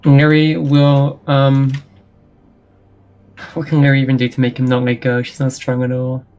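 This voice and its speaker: A man's voice: mid-range voice, monotone, moderate pace, a little mellow, faint music behind. A man chatting casually as a player in a tabletop role-playing game, with wry, exasperated banter.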